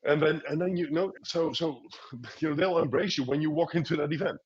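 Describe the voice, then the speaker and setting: A man's voice: on the high side, brisk, slightly rough, lo-fi sound. A man answering questions as a guest expert in a live online session, often repeating words as he explains.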